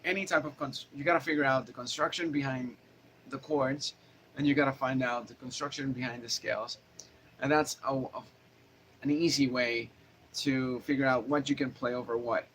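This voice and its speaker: Casting: man, casual guitar teacher on a live stream, mid-pitched, rambling and self-correcting, faint hiss behind. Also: steady tone, normal speed, a bit bright. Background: guitar playing.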